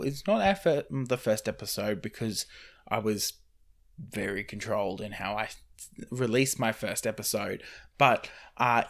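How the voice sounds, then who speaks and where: A man's voice: mid-range voice, fairly bright tone. A young man hosting his podcast, talking off the cuff in a rambling, casual solo update. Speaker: podcast host. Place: indoors near street traffic.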